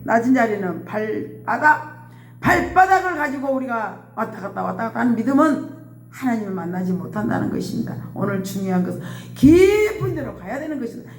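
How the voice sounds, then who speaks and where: A woman's voice: on the high side, roomy sound, a little hiss or hum. A woman preaching a sermon with passion, repeating her phrases and crying out pleas. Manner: impassioned, repeats phrases, cries out quoted pleas.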